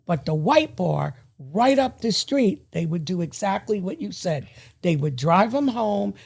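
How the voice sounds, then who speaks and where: Gravelly-voiced woman telling stories. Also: medium pitch, a little slow. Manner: emphatic, animated storyteller. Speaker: guest, former bar owner. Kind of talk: casual storytelling.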